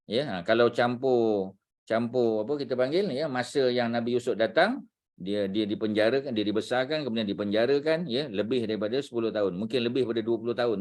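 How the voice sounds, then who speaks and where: A man teaching a religious class, unhurried, searching for words aloud and dropping frequent fillers. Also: on the low side, darkish tone.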